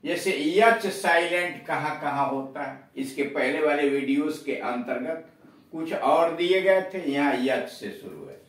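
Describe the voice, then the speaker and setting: A man's voice: fairly high pitch, expressive, unhurried. A man teaching an English lesson, spelling out each word letter by letter and then giving its meaning. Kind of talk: spoken language lesson. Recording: echoey room from far off.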